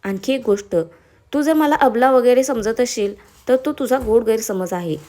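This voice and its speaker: A woman's voice: on the high side, moderate pace, dark tone, close to an everyday voice. A woman voicing a proud, defiant young wife in a spoken story, angry and cutting. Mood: furious.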